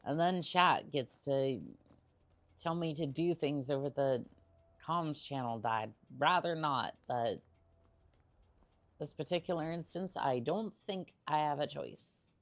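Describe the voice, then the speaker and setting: This woman livestreams a game in a low voice at a slow pace. Her talk is casual and teasing, with hesitant musings and in-character asides woven through the gameplay.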